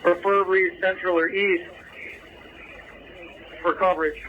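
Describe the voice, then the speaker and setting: A man's fairly high voice comes through a thin, phone-like police radio channel. He talks in terse, clipped procedure. A faint hiss of static sits under every word. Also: flat delivery, unhurried. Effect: police radio transmission.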